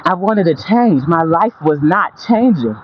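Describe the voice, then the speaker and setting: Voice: mid-range voice, expressive, a little slow. A person giving a blunt, emphatic, profane motivational monologue while out walking, repeating phrases to drive points home. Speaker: motivational vlogger. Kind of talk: motivational monologue, casual straight talk. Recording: dull lo-fi audio, faint background noise.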